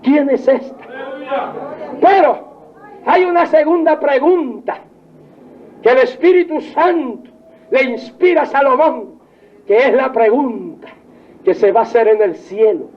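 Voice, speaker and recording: An older man preaching a fervent old-time revival sermon, stretching his phrases and crying out hallelujahs. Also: extremely high pitch. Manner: fervent, shouts hallelujahs, drawn-out emphatic phrasing. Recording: dull lo-fi archive tape with faint congregation.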